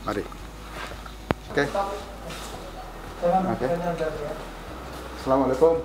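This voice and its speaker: An Indonesian man in his sixties presents and interviews in a casual vlog style. His voice is medium-pitched, recorded on location with echo and clear background noise. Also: animated, very slow. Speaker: university rector, host. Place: campus lobby and outdoors.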